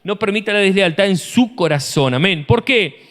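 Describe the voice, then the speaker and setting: A man, a pastor preaching an animated sermon full of rhetorical questions, recorded in a church hall. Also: high-pitched, normal speed. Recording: long church-hall reverb.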